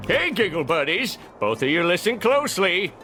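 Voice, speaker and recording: An actor playing a tiny scheming plankton villain in a cartoon video game, pompous, irritable and imperious. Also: male voice, sits high, sing-song, moderate pace, loud music behind the voice. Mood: bossy irritation. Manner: imperious, sneering.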